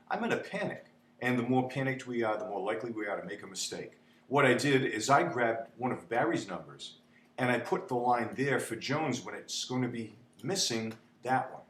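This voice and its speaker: Man, spreadsheet lesson, chatty and theatrical, roomy echo, faint background hum. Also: medium pitch. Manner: chatty, repeats "okay?", dramatizes panic. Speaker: instructor. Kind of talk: spreadsheet tutorial. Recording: echoey room with faint hum.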